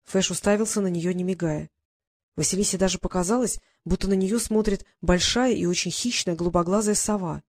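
A woman narrating an audiobook in a steady, even storytelling manner. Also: lowish voice, fairly quick.

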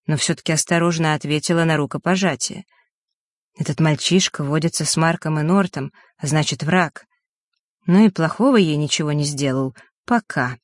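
A steady, measured audiobook narrator in a mid-pitched voice, recorded close and dry. The reading keeps an even storytelling pace. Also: dry recording. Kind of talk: scripted narration.

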